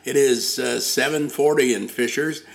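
A man's voice: mid-range voice, steady tone, normal speed, creaky. An older man hosting a casual podcast interview, rambling with many fillers and restarts. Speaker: podcast host.

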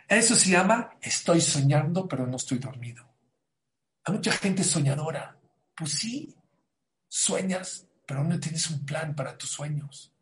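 A man preaches a Torah lesson in a fairly high voice. His pitch swings widely as he drives home each point. He often climbs to loud, emphatic bursts. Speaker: rabbi giving a Torah class. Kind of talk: sermon.

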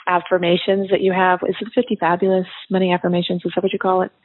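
A woman who works as a private chef, chatting and telling a story in a relaxed, rambling way. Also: on the low side, fast, no room sound. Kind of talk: casual chat, telling a story. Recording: phone-line audio.

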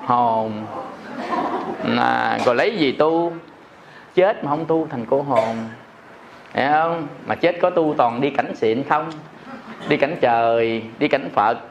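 A man delivers a Buddhist sermon in a high voice, keeping it light with frequent chuckles and quick rhetorical questions. Faint noise sits behind him. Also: dull audio. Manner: jokey, laughs often, peppers talk with rhetorical questions. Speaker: Buddhist monk preaching.

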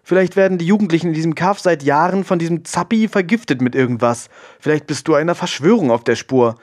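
Man voicing a dry, blunt young woman with a lifted voice, quick and know-it-all. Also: a little high, pitched above the performer's own voice, lightly acted. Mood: lecturing.

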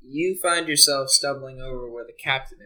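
A man's voice: mid-range voice, moderate pace, pushed and bright, poor audio. A man narrating as game master of a tabletop game, casual and profane.

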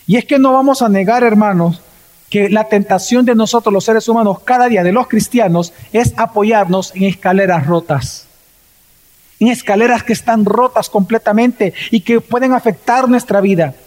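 A man's voice: sits high, normal speed, darkish tone. A man preaching a sermon as a pastor, telling stories with mounting fervor. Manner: storytelling preacher, rising to fervent emphasis. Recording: long hall reverb.

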